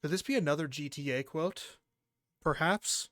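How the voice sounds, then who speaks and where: A man's voice: fairly high pitch, normal speed, fairly bright tone, dry recording. A man playing as a quiz contestant, chatting casually, thinking aloud and swearing freely.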